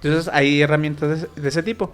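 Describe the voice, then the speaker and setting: A man's voice: fairly high pitch, fairly even intonation, a little fast, clean tone, soft background music. A man with a Mexican Spanish accent, a sign language interpreter guest, explaining patiently with examples in casual interview talk.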